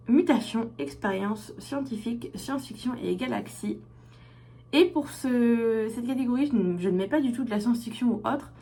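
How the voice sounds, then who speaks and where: A woman book vlogger talks through her reading list in a relaxed, unscripted way, stopping often to search for words. Her voice is slightly husky, sitting at an ordinary middle pitch for a woman. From France. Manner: hesitant, many filler pauses. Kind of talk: casual book haul chat.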